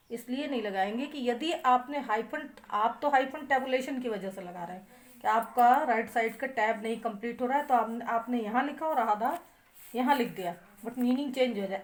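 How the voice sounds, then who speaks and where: High-voiced woman teaching syllables. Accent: Indian English. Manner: spells words out letter by letter, stresses syllables slowly. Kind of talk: classroom lecture.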